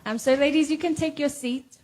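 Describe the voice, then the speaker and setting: Female pageant host, high voice, poised and earnest, addressing a live audience from the stage. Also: steady tone, fairly quick, a little mellow. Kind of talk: live event hosting, addressing contestants and audience.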